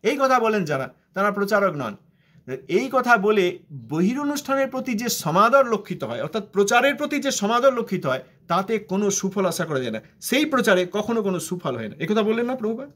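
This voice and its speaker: A man's voice: high voice, very animated, brisk, fairly bright tone. A man with a Bengali accent giving a devotional discourse, explaining scripture and asking rhetorical questions. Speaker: religious teacher.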